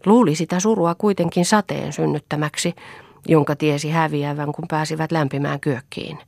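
A woman's voice: sits low, fairly even intonation, gravelly, darkish tone, dry recording. Woman narrating an audiobook, dry sound. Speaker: audiobook reader. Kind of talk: scripted narration.

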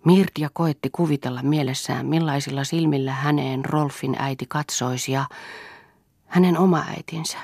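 A woman narrates a novel in a measured, calm manner. Her voice is husky with a gravelly edge, and it sits close and dry, with no room sound. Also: deep voice, no room sound. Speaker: audiobook reader. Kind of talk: audiobook narration of a classic novel.

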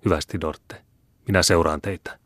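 A man's voice: sits low, fairly even intonation, a bit bright, no echo. A man voicing a frightened, grieving young noblewoman who speaks in a trembling, pleading way. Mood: resigned.

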